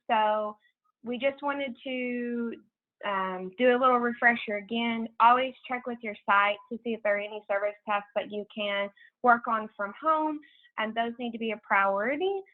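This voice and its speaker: A program coordinator, an American woman with a fairly high-pitched voice, gives casual announcements on a conference call. She halts as she goes, and the phone line sounds tinny.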